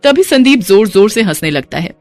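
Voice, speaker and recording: A woman narrating a scripted family story in a plain, steady way. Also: mid-range voice, moderate pace, no echo, soft background music.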